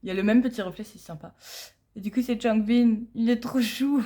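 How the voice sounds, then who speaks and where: A woman's voice: on the high side, mellow. Chatty young woman unboxing on a phone. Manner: chatty and slangy, reading English card text slowly. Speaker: unboxing vlogger. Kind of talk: casual unboxing chat.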